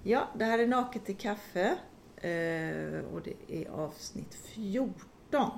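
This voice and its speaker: A woman's voice: mid-range voice, expressive, creaky, slight background noise. A middle-aged woman co-hosting a podcast, telling a funny story in casual chat, laughing and swearing freely as she goes. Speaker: podcast co-host.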